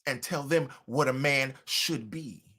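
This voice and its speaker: A man hosting a livestream commentary, mocking and preachy, with loud swings in volume. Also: medium pitch, measured pace. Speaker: commentary host.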